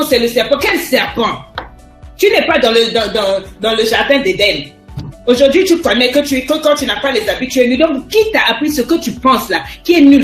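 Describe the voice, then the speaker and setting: A woman life coach on a motivational live stream, talking emphatically and hammering the listener with repeated rhetorical questions. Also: high-pitched. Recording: roomy echo with faint music.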